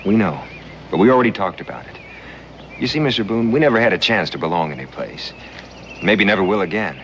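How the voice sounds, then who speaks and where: On a dull, noisy old soundtrack, an earnest young frontier man from a TV western. His low voice moves up and down a great deal as he speaks in simple, rustic words. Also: animated, a little fast, a bit bright. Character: earnest, idealistic grown son of frontier drifter. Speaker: actor in a television western. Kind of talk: 1960s TV western acting.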